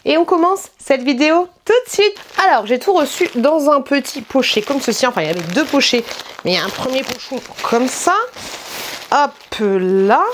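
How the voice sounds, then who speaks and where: A woman's voice: a little high, slight background noise. A woman hosting a casual try-on vlog, chatting in a rambling way with lots of fillers and restarts, and sometimes talking to her child off camera. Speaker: vlogger showing a try-on haul.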